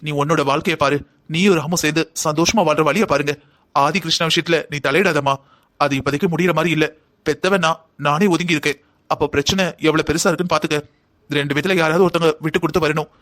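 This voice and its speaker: A stern older mother-in-law from a family cartoon drama, voiced by a man. The voice sits high and bright, and the lines come fast. She scolds and lectures the younger woman. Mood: firm advising.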